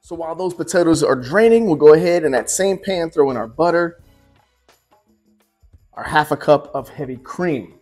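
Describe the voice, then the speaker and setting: His voice on the high side and his pace moderate, a forties-aged cooking host chats easily through a home kitchen demonstration. He makes friendly asides to the audience while soft music plays.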